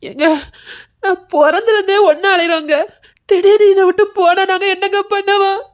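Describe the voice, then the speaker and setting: A woman's voice: extremely high pitch, steady tone, normal speed. A woman with a Tirunelveli Tamil accent playing a middle-aged woman who cries and wails melodramatically in a comic skit. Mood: wailing. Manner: melodramatic wailing lament. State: crying. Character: middle-aged woman wailing over her departing friend.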